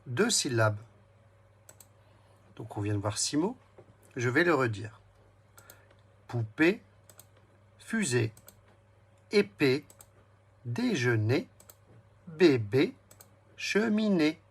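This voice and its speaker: A man giving a slow, patient reading lesson to a young child and spelling words out syllable by syllable. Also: medium pitch, very animated, slightly rough. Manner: speaks slowly, splits words into syllables.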